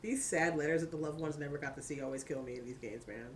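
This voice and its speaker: A woman casually commenting while she plays a video game, chatty and quick to laugh. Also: low-pitched, slight background noise. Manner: chatty, laughs often, talks to herself about the game. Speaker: streamer playing a video game. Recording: game music loud behind her.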